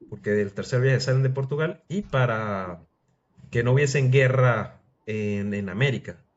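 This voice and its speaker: A man retells history in a casual, chatty style, slipping into quoted voices as he goes. His voice sits at an ordinary mid pitch. The sound is dull and lo-fi. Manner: loose, chatty, acts out quotes. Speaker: history storyteller.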